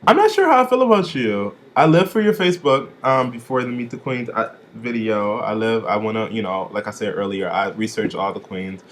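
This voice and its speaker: A young man from Chicago giving a casual, sassy vlog review, with swooping, expressive emphasis on his catchphrases. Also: on the low side, fairly quick, few pauses. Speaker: vlogger reviewing drag contestants.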